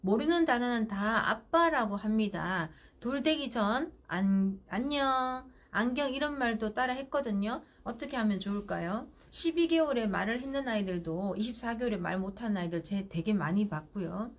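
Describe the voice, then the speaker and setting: A woman's voice: a little high, expressive, normal speed, hardly any pauses. A middle-aged woman hosting live parenting advice, speaking firmly and directly and acting out parent-child exchanges. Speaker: parenting counselor.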